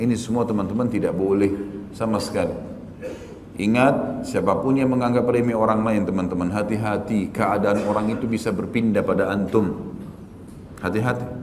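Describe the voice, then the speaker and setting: A man's voice: mid-range voice, a little hiss or hum. A man giving a religious lecture, speaking straight to his listeners and rising sharply on his key points. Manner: addresses listeners directly, often tags "gitu kan"; lively, exclaims and rises sharply on key points. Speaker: Islamic preacher. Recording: long hall reverb, faint background ambience.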